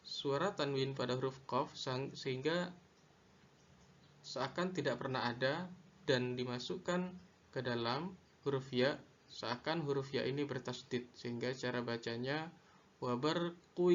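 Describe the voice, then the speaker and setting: A man teaching a lesson on Quran recitation rules, slow and deliberate, repeating each definition. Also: medium pitch, a bit bright, highs cut off. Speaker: religious studies teacher.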